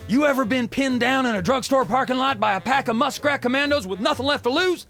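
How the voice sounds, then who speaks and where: A man's voice: very high-pitched, quick pace, vocal fry, fairly bright tone, soft background music, exaggerated voice. An actor playing a folksy, dim, rambling male president in a comic cartoon game, breezily oblivious. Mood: indignant rambling.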